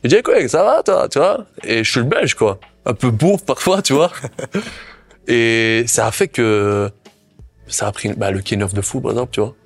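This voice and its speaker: A man's voice: mid-range voice, moderate pace, no echo. A man with a Belgian accent talks loosely and animatedly as an interview guest, piling on asides and restarts. His voice sits in a middle register, and faint music plays behind him. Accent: Belgian French. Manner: animated, rambling, frequent "tu vois". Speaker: guest, content creator. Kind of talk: casual interview chat.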